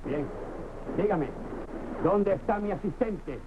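An irritable drill sergeant in an old TV comedy sketch. He barks clipped, bossy orders in a high voice. The old soundtrack is tinny and clearly noisy. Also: takes it slowly. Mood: stern, impatient. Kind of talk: 1960s television sketch comedy acting.

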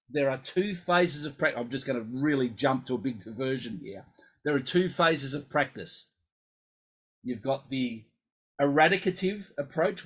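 A man coaching musicians through an emphatic, animated casual talk, often acting out inner voices. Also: medium pitch, rough recording. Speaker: coach for musicians with focal dystonia.

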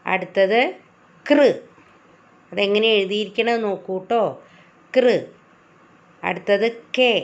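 A woman's voice: mid-range voice, slow, long pauses. A woman teacher patiently explaining letters to children, step by step. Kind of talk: children's reading lesson. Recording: lo-fi recording.

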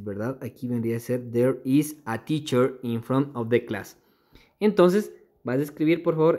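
A man teaching English to young children, reading slowly, repeating each point patiently and checking that they follow. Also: fairly high pitch, a little mellow. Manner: reads English slowly word by word, then translates. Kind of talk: explaining a primary school worksheet.

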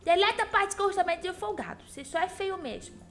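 A woman's voice: extremely high pitch, quick pace, a bit bright. A woman voicing a cheeky, feisty little girl who hosts a children's Minecraft role-play, exclaiming in a childlike, bratty way. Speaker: host of children's gaming channel. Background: music.

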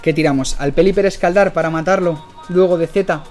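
A young man with a Spain Spanish accent, a streamer giving live commentary on his own game, excitable and chatty, breaking into high yells and laughs. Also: fairly quick, soft background music. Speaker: streamer and guest instructor.

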